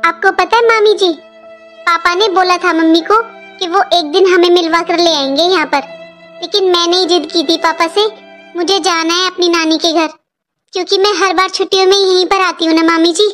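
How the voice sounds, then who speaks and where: Woman as an outspoken little girl, high childlike voice, faint music behind. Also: steady tone, moderate pace, a bit bright. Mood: pleading. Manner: pleading, childlike. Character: young girl, outspoken and hurt. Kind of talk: family drama acting.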